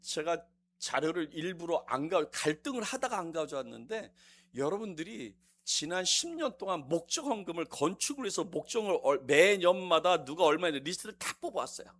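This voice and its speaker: A man preaching a sermon in a church, acting out quotes with sudden shouts and teasing the congregation between quiet asides. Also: a little high, brisk. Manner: animated, acts out quotes with shouts and mock dialogue. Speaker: district officer preaching a visiting sermon. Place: church sanctuary.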